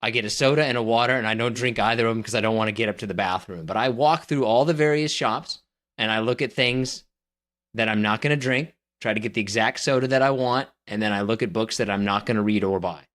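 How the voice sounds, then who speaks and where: Talking at a quick pace in a slightly bright voice on the low side, a man co-hosts a laid-back podcast. He ribs his co-host, passing judgment and doling out scores.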